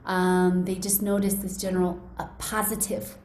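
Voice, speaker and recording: A woman's voice: lowish voice, monotone, moderate pace, a little mellow. A woman hosting a casual, encouraging live demonstration for a group on a video call, chatty and addressing listeners directly. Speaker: host demonstrating a wellness device to an online group. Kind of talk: casual enthusiastic live demo, with calm guided relaxation. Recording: roomy echoing video call with faint noise.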